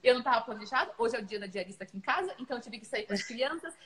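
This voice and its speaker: Very fast and fairly high-pitched, this Brazilian mother in her thirties co-hosts a casual chat on parenting, earnestly telling lively stories about home life. The recording quality is rough.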